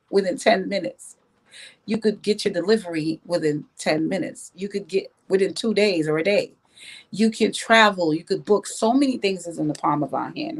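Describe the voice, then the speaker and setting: A Jamaican woman with a fairly low voice shares her opinions as a guest in a podcast discussion. She speaks emphatically, repeating phrases to hammer her points home.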